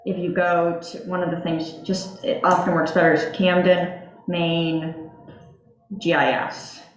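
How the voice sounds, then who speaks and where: A woman's voice: fairly low pitch, level tone, measured pace, soft background music. A woman in a town meeting, explaining step by step with many fillers. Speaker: commission member. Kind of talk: casual meeting discussion. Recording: echoey meeting room.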